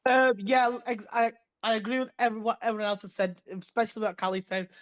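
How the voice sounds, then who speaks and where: A man's voice: high-pitched, steady tone, fast talker, fairly bright tone. A young man giving eager, rambling football views with restarts. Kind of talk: casual football chat.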